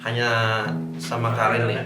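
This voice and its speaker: A man's voice: medium pitch, monotone, normal speed. A man chatting casually as an interview guest. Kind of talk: casual chat. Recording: very echoey room, distant mic, music behind.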